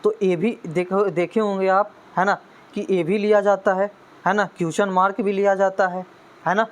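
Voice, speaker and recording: A man's voice: high-pitched, level tone, moderate pace. A man teaching an exam-prep lesson, constantly checking in with "है ना" and urging students to study hard. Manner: constant "है ना" tag questions, coaxing students.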